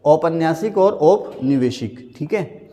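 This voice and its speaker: A man teaching a Hindi spelling lesson, naming each common mistake and then slowly spelling out the correct form. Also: a little high, animated, a little mellow, in a large hall. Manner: drills words, stating the wrong and the right spelling again and again; slows right down to spell a word out. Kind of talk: classroom-style spelling lesson.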